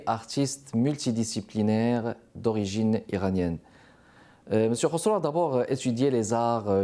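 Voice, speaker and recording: A man's voice: mid-range voice, warm tone. A man hosting a TV arts interview, giving formal introductions with occasional fillers. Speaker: TV show host.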